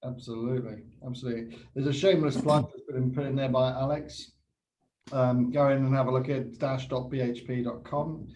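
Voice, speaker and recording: A man co-hosting an online meetup, speaking informally and haltingly, often repeating phrases. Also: medium pitch, fairly even intonation, a little mellow. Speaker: event co-host and company owner. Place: online video call. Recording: roomy, distant mic, faint noise.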